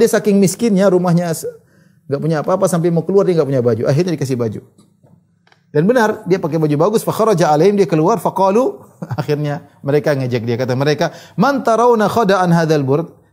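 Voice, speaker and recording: Man preaching, animated storyteller. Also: on the high side, quick pace. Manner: storytelling, reciting Arabic narrations then translating, lively retelling. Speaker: Islamic preacher. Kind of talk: religious lecture.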